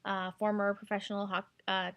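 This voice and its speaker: On a muffled recording, a Canadian woman with a medium-pitched voice speaks at normal speed, her delivery flat. She hosts a book recommendation podcast, gushing enthusiastically while chatting casually and reading blurbs and quotes aloud.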